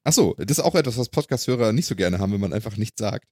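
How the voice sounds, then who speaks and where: A man's voice: lowish voice, animated, rapid-fire, a little mellow, dry recording, studio quality. A man co-hosting a podcast over a call on a headset, teasing and playful. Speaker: podcast co-host. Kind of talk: casual chat.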